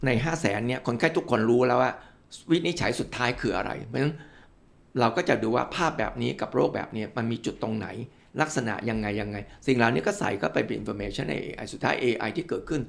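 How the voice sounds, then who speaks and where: A man's voice: mid-range voice, fast, gravelly. An older male physician from Thailand, a guest in an interview, explaining with worked examples and politely addressing the listeners.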